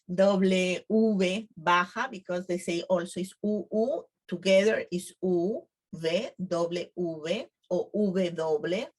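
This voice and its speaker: A middle-aged woman from Latin America, a native Spanish speaker, teaches Spanish in a casual video lesson, speaking English with a Latin American Spanish accent and switching into Spanish, with frequent ums and "okay?" check-ins. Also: lowish voice. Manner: switches between English and Spanish, laughing often. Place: home filming.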